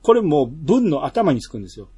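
A man's voice: fairly high pitch, big pitch swings, fairly quick, dark tone, husky. A man with a Kansai accent chatting casually as podcast co-host, laughing often and stretching his fillers. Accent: Kansai Japanese. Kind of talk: casual chat.

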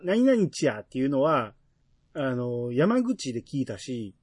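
A man's voice: mid-range voice, unhurried, husky, no room sound, studio quality. A man with a Kansai accent, hosting a casual podcast chat and reading listener mail aloud. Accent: Kansai Japanese. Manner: relaxed, musing, reads listener mail. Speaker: podcast host.

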